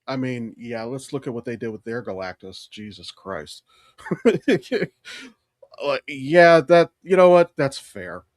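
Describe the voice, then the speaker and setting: A podcast co-host chats casually about films, offering blunt, emphatic opinions laced with profanity. His mid-range voice is expressive and he takes it slowly. The sound is studio quality with no echo.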